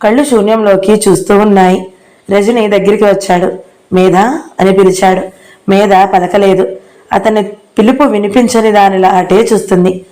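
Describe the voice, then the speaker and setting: Calm woman reading a novel aloud. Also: medium pitch, low-quality recording. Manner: calm, unhurried storytelling, lifting her voice for the characters' dialogue. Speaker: audio novel narrator.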